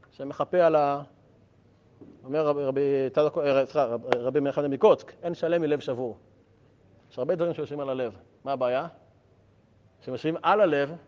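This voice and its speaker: Male Torah teacher, slightly high voice, animated and joking, dull lo-fi recording. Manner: lively, joking with listeners, rhetorical questions.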